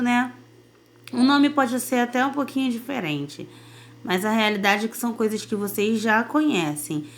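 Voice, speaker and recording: A woman teacher, giving a recorded lesson to children. She talks in a lively, patient way and often checks in with them. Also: a little high, a little hiss or hum. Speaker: primary school teacher.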